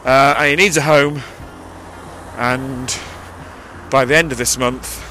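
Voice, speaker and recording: A man's voice: medium pitch, steady tone, slow, bright, forceful tone. A man talking through a rambling audio diary while walking by a busy road, holding a cupped handheld mic, out of breath as he goes uphill. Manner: rambling, self-correcting. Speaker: vlogger. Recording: outdoor street recording with traffic. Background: passing traffic.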